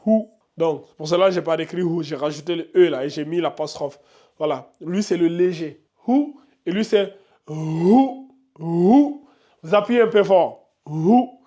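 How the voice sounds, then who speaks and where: A man whose first language is Pulaar, teaching Arabic letters at a whiteboard and repeating each syllable slowly for his learners. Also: a little high, warm tone. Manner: chatty, addresses learners directly. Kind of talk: whiteboard lesson.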